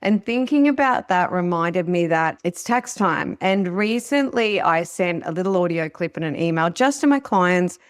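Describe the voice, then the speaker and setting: A woman's voice: fairly low pitch, animated, normal speed, few pauses, clean tone, no echo, studio quality. A woman hosting a podcast, talking in a chatty, casual way and laughing often. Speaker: podcast host. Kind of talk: casual interview chat.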